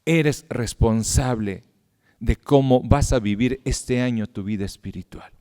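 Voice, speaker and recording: A middle-aged man preaching a sermon as pastor, swinging from loud, impassioned appeals to low, hushed words. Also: measured pace. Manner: impassioned, rising loud at appeals then dropping to a low hush. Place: church hall. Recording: long hall reverb.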